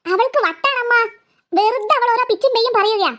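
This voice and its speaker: A sly cartoon girl, as a woman puts her on, acting innocent and dismissive. Her voice is pitched very high. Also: brisk, fairly bright tone.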